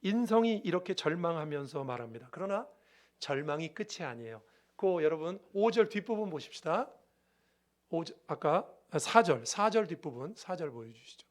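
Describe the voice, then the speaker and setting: A man's voice: a little high, sing-song, normal speed. A male pastor preaching a sermon emphatically, often asking the congregation rhetorical questions.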